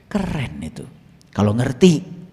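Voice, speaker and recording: A middle-aged man giving a religious lecture as a Sufi teacher, animated, teasing his listeners, and swinging between loud and hushed delivery. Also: medium pitch, unhurried, breathy edge. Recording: long hall reverb.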